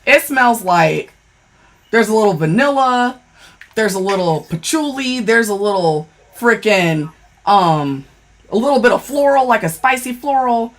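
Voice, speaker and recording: A woman talking casually on a livestream about makeup, chatty and excitable, swearing freely and addressing her viewers directly. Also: on the high side, unhurried. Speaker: livestream seller reviewing makeup. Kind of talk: casual live-stream chat.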